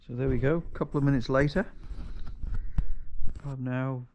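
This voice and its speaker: Thinking aloud while he rebuilds an engine, a man talks casually, stopping to restart and fix his own words. His voice is medium-pitched and darkish with a steady tone at normal speed. He's a home mechanic vlogger filming in a large, cluttered indoor garage workshop with a chest-mounted action camera.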